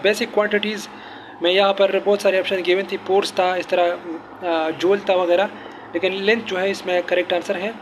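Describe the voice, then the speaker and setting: Guy going over test answers quick, high voice, bit of traffic noise behind, phone mic. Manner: rapid, repetitive explaining with fillers. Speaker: exam prep teacher. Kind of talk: quick exam-answer walkthrough.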